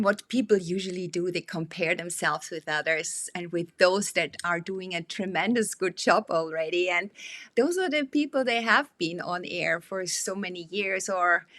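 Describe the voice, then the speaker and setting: A woman speaking English with a non-native accent, hosting a conversational interview and haltingly searching for her words. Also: fairly low pitch, a bit bright, no echo, studio quality. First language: not English.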